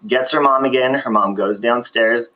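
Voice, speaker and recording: A man's voice: mid-range voice, moderate pace. Man telling a crude comic story. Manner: crude, animated, sound effects. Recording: dull old video audio, faint noise.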